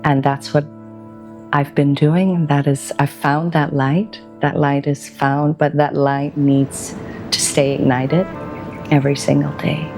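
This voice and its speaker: A woman in her forties from Belgium, a wellbeing practitioner speaking slowly and gently in a reflective documentary voice-over, with pauses between thoughts. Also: deep voice, flat delivery. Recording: voice-over with music underneath. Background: music.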